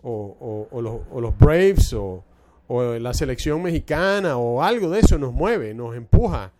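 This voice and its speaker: A man's voice: medium pitch, lively intonation, measured pace, a little mellow, slight background noise. A male pastor preaching a sermon, telling a church story with frequent restarts and repeated words.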